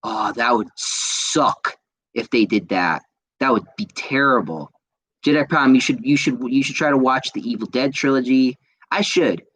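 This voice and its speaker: A man's voice: mid-range voice, normal speed, fairly bright tone, poor audio. A young man hosting a podcast, chatting casually and reading out viewer comments with lots of fillers and restarts. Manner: rambling, enthusiastic, frequent fillers and restarts. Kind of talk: casual chat.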